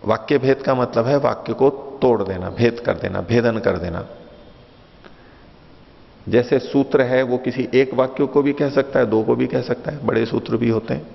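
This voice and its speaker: Male lecturer, gravelly voice, patient and repetitive, dull lo-fi hall recording. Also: mid-range voice, moderate pace. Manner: patient, repeats and rephrases points, asks listeners questions. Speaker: teacher of Mimamsa philosophy. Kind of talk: explanatory lecture with stories.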